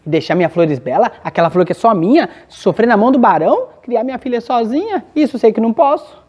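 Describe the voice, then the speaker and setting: A woman's voice: a little high, animated, fast talker, a little mellow, slightly rough. A woman with a Brazilian accent voicing a frightened, devout young farmhand who pleads and frets. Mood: anxious. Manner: pleading, anxious.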